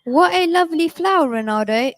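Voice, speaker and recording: Woman playing an excitable adventurous girl. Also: very high voice, fairly quick, no room sound. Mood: excited. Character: bold adventurous young girl.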